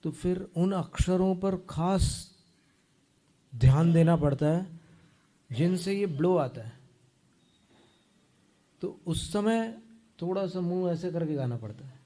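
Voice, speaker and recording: Slow, mellow-voiced man teaching recitation. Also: high voice, lively intonation. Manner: slow, careful, explanatory, chants verse lines slowly. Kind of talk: pronunciation lesson on Sanskrit verse. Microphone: close microphone.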